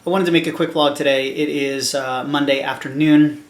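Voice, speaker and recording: A man's voice: fairly high pitch, steady tone, normal speed, echoey room. American man, slightly lisping after dental work. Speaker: vlogger. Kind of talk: casual vlog talk to camera. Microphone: camera microphone.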